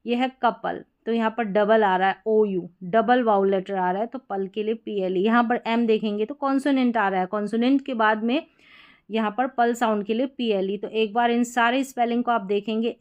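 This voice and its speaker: A woman's voice: mid-range voice, steady tone, normal speed, a little mellow, clean tone, muffled recording. A woman teaching English spelling rules, patient and explaining step by step with many examples. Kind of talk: spoken spelling lesson.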